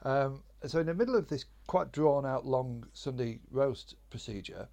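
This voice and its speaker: Man, comedian guest, casual storytelling, self-deprecating, middle pitch. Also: moderate pace, gravelly, mellow. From Sheffield, England. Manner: rambling, self-deprecating, many restarts.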